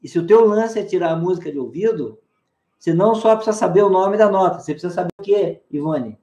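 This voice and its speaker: A man's voice: high-pitched, quick pace, warm tone. A man with a Brazilian Portuguese accent teaching guitar on a live stream, coaxing his student through call-and-response drills with playful nicknames. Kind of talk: live online guitar lesson. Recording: roomy echo with faint guitar.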